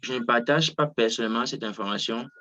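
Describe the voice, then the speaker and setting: A man's voice: mid-range voice, quick pace, sharp tone, soft background music. A man coaching on trading over a video call, explaining in a hesitant, casual way with frequent fillers. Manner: hesitant, many fillers and restarts. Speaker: trading coach hosting a Zoom session.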